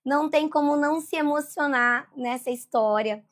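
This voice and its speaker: A Brazilian woman hosts an interview in a fairly high voice. She reflects gently on what her guest has shared. Then she moves on to her questions. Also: normal speed. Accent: Brazilian Portuguese. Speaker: host. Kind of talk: interview hosting.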